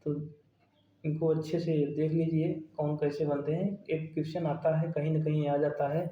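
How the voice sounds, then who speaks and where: A man's voice: a little high, little pitch movement, normal speed. A man, teaching grammar for an exam-prep lesson, asking questions and then answering them step by step. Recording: dull, roomy sound.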